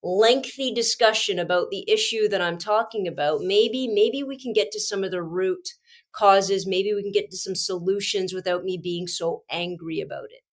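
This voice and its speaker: This Canadian teacher hosts her own show, talking solo and casually at a normal speed in a medium-pitched voice. She's congested with a cold, speaks with passionate emphasis, often restarts her sentences, and turns screechy when she gets agitated.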